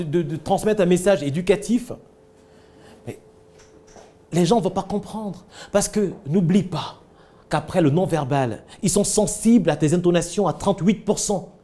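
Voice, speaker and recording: A man leads a public speaking lesson in a high, mellow voice. He teaches emphatically, putting on little scenes and firing rhetorical questions at his listeners. He chuckles now and then as he explains. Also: normal speed. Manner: emphatic, lively delivery with acted-out examples and rhetorical questions.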